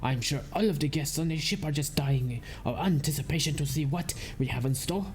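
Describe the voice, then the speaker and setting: A man's voice: on the high side, brisk, dark tone, close to an everyday voice. Man doing a genial ship captain with an accent. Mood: welcoming formal. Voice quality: put-on accent. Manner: formal, teasing, welcoming. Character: genial formal male ship captain, older. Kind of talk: reading game dialogue aloud.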